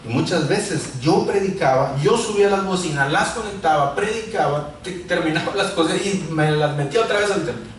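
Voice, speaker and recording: A man from Mexico, preaching a sermon full of personal testimony and swinging from loud calls to quiet asides. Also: on the high side, moderate pace, few pauses. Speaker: pastor. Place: large echoey church hall. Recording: echoey church hall, mic far off, faint noise.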